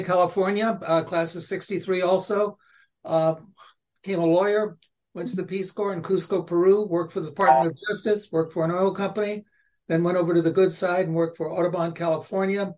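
High-voiced man in his eighties. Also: poor audio. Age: 80s. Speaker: guest panelist.

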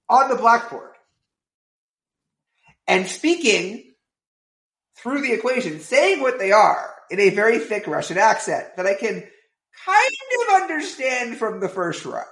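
A man telling a long anecdote as a podcast guest, rambling and filling pauses with "like" and "right?". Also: high-pitched, roomy sound. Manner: animated, rambling, many fillers like "right?". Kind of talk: casual storytelling.

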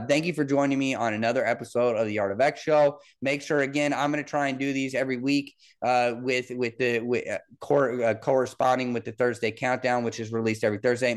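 Thirty-something man hosting a solo podcast. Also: medium pitch. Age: 30s. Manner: conversational with frequent fillers and restarts. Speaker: podcast host and football coach.

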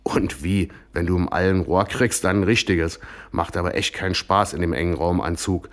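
A man's voice: low voice, normal speed, natural voice. A man voicing a boozy, jovial middle-aged cosmonaut with an easygoing, offhand manner. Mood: relaxed.

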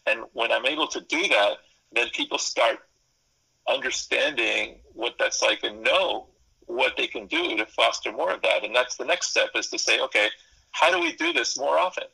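This Spanish-speaking man, a consultant and psychology professor, answers interview questions on the radio in a considered way, stringing lists together and fixing his phrasing mid-thought. At a moderate pace, his mid-range voice swings widely in pitch, with vocal fry and a pushed, bright, slightly rough quality. The recording is rough.

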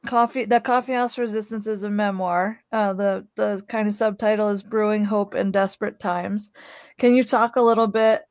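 Female podcast host, mid pitch, dead-dry close recording, attentive interviewer. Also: steady tone, moderate pace, no echo. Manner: attentive, with brief affirming "mm"s. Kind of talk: interview questions.

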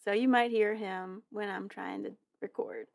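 A woman's voice: medium pitch, fairly even intonation, moderate pace, creaky. A woman co-hosting a podcast in casual chat, explaining things in a friendly way. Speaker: podcast co-host.

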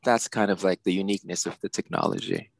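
A man's voice: deep voice, huge pitch swings, fast, gravelly, no room sound. A middle-aged man from the Philippines, a guest artist, explaining things in a chatty way with many fillers. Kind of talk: casual interview.

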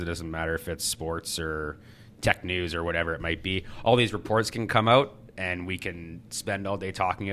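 A man with a very deep but nasal voice co-hosts a casual podcast chat. He talks informally about sports and finance, with some noise in the recording. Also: fairly bright tone. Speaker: podcast co-host.

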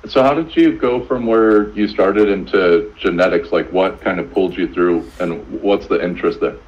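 A man's voice: low-pitched, normal speed. A man hosting a podcast, asking hesitant questions between short acknowledgments. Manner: brief backchannels, hesitant questions. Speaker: podcast host. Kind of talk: casual interview. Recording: dull lo-fi sound.

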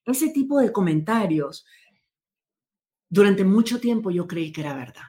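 Appearing as an interview guest in a conversational exchange, a woman talks in a medium-pitched, mellow voice that is very animated yet a little slow. Earnest and thoughtful, she frequently revises what she's saying partway through a sentence.

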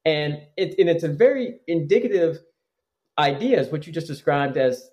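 Animated, expressive man talking earnestly. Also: a little high, moderate pace, highs cut off. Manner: earnest, animated, restarts phrases often. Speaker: psychologist guest. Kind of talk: conversational podcast interview.

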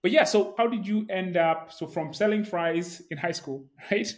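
A man hosts an interview, his voice pitched a little higher than most men's. He asks long, curious questions that ramble and restart as he feels his way toward the point. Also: moderate pace. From Kenya. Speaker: interview host. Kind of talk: casual interview talk.

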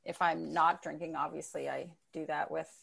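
A Canadian woman with a fairly low voice, a comedian guesting on a podcast. She tells relaxed, chatty stories and laughs often as she talks. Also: normal speed, creaky, slightly rough. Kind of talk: casual chat.

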